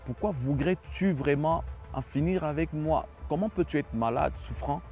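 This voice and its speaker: Man raising his voice to play an anxious mother, reproachful and pleading, pitched higher than his own voice. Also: fast talker, a little mellow, faint music behind. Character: worried, pleading mother scolding her sick son.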